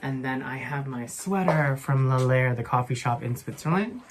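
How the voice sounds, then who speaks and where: A woman's voice: a bass voice, expressive, moderate pace, noisy background. A woman travel vlogger chatting casually to a handheld camera, rambling with lots of fillers, while walking through city streets and in a hotel room. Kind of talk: casual vlog chat to camera.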